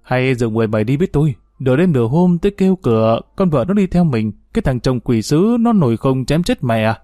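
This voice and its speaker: A man's voice: mid-range voice, big pitch swings, fast, warm tone, no echo, clean studio sound, faint music behind, lightly acted. A man voicing a wary, resigned middle-aged uncle in a read-aloud story.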